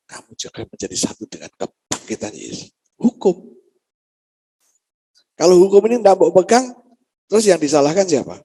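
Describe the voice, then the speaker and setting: A middle-aged man preaches over a video call, bouncing between stories and playful jabs at his congregation. His voice is husky and mellow, sitting a little high for a man. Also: poor audio. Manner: lively storytelling, acting out dialogue, teasing the congregation. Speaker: pastor. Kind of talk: sermon. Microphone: video call over Zoom.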